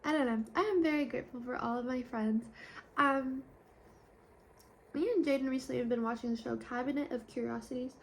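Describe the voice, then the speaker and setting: A young woman talks through a casual confessional vlog, candid and rambling, now and then sinking into a whisper. Her voice sits a little high with a gravelly fry. A faint hiss runs under the recording. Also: fairly even intonation, brisk. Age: young adult. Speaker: vlogger.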